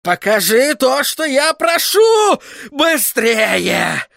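A seething court sorcerer, performed by a man narrating lurches from hissing whispers to harsh shouted commands. The storybook villain sounds cold and furious, recorded close and dry with no room around him. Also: medium pitch, animated, slow, dry recording. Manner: swings between hissed whispers and shouted commands. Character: menacing, furious male royal sorcerer, adult.

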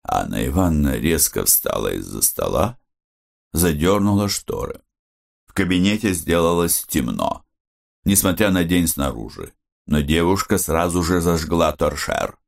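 A man narrating a literary audiobook in a measured, expressive storytelling manner. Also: very deep voice, gravelly.

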